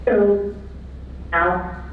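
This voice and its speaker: A woman speaking as a remote presenter over a glitchy phone connection that keeps breaking up. She talks slowly and haltingly. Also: medium pitch, steady tone, far from the mic, background noise. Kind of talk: video call. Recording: tinny breaking-up phone line, played over speakers in an echoey room, heard from afar.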